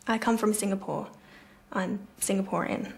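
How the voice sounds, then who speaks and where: A polite young businesswoman, played by a woman, answering questions in short, plain sentences. Her voice sits at an everyday middle pitch. It comes from a scripted drama made for learners. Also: steady tone, normal speed, vocal fry, natural voice.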